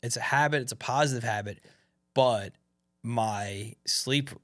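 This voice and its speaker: A man's voice: medium pitch, unhurried, fairly bright tone, no echo, studio quality. A man in his thirties chatting casually as a podcast host, laid-back and rambling, with many fillers and restarts. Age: 30s. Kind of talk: casual chat.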